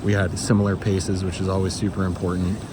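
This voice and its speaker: A man with a fairly low voice talks casually to his audience as a hiking vlogger. He is plain-spoken, commenting on trail and gear while out hiking in the snow. The recording is outdoors, with light ambient noise around his voice. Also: little pitch movement, quick pace. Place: outdoors on a snowy mountain trail.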